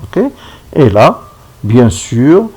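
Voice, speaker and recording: A man giving a step-by-step software tutorial, checking in with his viewers as he goes. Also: medium pitch, very animated, husky, poor audio. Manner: slow, step-by-step, checks in with "d'accord?". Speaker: instructor. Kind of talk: screen-recorded software tutorial.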